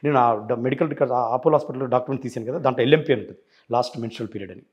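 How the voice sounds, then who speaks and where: A man's voice: medium pitch, very fast, highs cut off. A man as an interview guest, telling his side insistently and acting out past phone calls. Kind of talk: rapid interview account.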